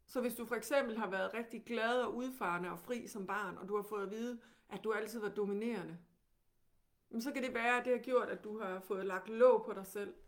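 A woman with a Danish accent teaching, who guides calmly and gently with many questions. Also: mid-range voice.

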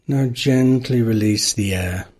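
Guy leading a guided meditation, really slow and calm, bit of a husky voice, long pauses. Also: medium pitch. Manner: calm, unhurried, gently instructing with long pauses.

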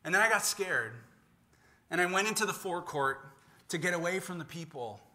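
A preacher voicing a remorseful apostle. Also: male voice, sits high, lively intonation, sharp tone, exaggerated voice. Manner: halting, emotional first-person retelling. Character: remorseful male apostle confessing his denial. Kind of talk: dramatized scripture in sermon.

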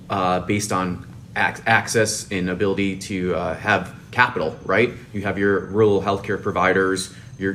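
Deep-voiced man explaining as a podcast guest. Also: fairly bright tone, a little hiss or hum. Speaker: podcast guest, financial advisor. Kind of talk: conversational professional explanation.

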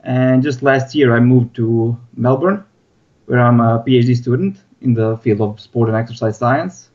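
A young Bosnian man with a Balkan accent, a sports science researcher, chats casually as a podcast guest over Skype. His voice is mid-range and a little mellow, at a moderate pace, and the internet call audio sounds dull and lo-fi.

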